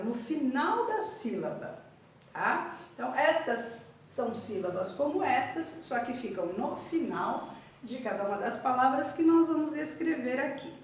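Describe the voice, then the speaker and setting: A woman teaching a literacy lesson, spelling out syllables letter by letter and repeating each word. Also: sits high. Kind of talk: slow classroom literacy lesson. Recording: echoey room from far off.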